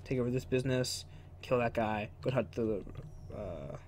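A man narrates his game playthrough with sarcastic, joking, casual commentary peppered with swearing. His voice is mid-range and moves at a normal speed, with faint noise and video game sounds behind him.

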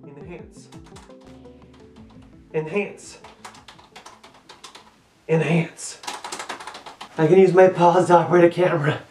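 A man's voice: a little high, fairly even intonation, slow, long pauses, darkish tone. Young guy, voice muffled inside a mask head, laid-back and self-deprecating, echoey room with faint music. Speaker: vlogger answering viewer questions. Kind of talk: casual Q&A vlog.

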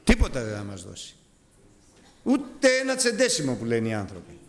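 Animated male preacher in a reverberant hall. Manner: animated, swings from high exclamations to low asides, acts out quoted voices. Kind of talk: sermon on a Gospel passage.

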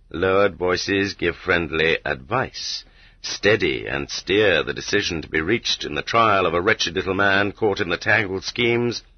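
Here a man reads a literary audiobook, his husky voice sitting low as he takes a deliberate, rhetorical, sardonic tone. It's a dry recording carried on a dull-sounding cassette transfer.

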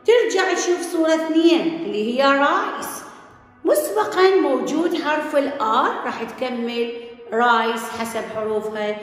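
Woman, Iraqi accent, children's English teacher, slow repeated words, booming echoey hall with long reverb. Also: expressive, recorded from a distance. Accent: Iraqi Arabic. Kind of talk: classroom lesson for children.

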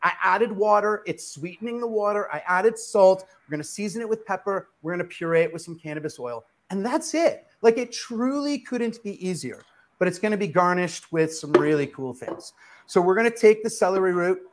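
A middle-aged man with a fairly high voice leads a live cooking demo, preachy and emphatic, firing off questions and answering them himself. He is recorded by a camera across a kitchen studio. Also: brisk, a little hiss or hum. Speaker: chef.

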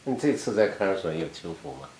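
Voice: low-pitched, very animated, a little fast, a little mellow. An interviewer asking brief, probing questions. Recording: echoey room with noise.

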